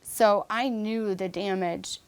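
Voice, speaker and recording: Earnest woman telling her story, halting. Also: medium pitch, steady tone, clean tone. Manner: halting, with restarts and fillers. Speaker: interview guest. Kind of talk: personal story in a podcast interview.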